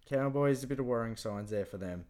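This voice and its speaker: A young man with a New Zealand accent who co-hosts a casual sports chat, rambling excitedly and peppering his talk with "mate" and "like". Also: medium pitch, brisk. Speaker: sports podcast co-host.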